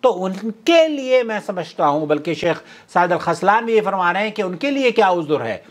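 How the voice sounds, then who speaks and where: A man's voice: high-pitched, very animated. A man giving a religious lecture, explaining earnestly to brothers and sisters. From South Asia. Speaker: Islamic preacher.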